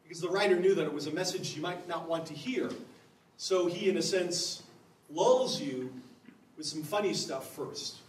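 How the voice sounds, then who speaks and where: A man's voice: fairly high pitch, moderate pace. A man, a pastor, giving a wry, humorous lecture on the Bible and chuckling at the oddities of the text. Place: church hall. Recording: roomy, from a distance, faint background hum.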